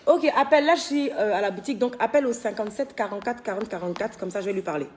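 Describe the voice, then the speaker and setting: A tired woman speaks, chatting loosely with her viewers. She teases and scolds those around her in a mid-pitched, easygoing voice. It is casual live-stream talk. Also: racing, a little mellow, a little hiss or hum. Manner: chatty, teasing, scolds workers. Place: her villa under construction.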